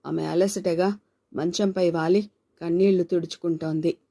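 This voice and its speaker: A woman narrating a novel for an audiobook, steady and measured. Her voice sits low and sounds mellow and warm. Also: vocal fry. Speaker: storyteller.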